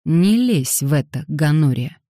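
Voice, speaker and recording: A woman voicing a quick-tempered young man, hissing his lines through clenched teeth in an audiobook. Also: deep voice, expressive, mellow, no echo, clean studio sound. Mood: angry.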